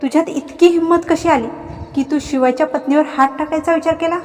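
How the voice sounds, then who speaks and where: A woman's voice: high-pitched, fairly even intonation, quick pace, darkish tone, pitched above the performer's own voice, close to an everyday voice. A woman voicing a fierce, vengeful young husband who gives menacing commands, with reverb and faint music.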